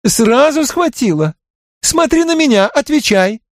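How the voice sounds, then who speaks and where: A man reading an audiobook, voicing a brisk, strict farm wife who takes charge as midwife. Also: extremely high pitch, big pitch swings, no room sound, clean studio sound, voice pushed up, heavily acted. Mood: urgent, businesslike. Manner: strict and businesslike.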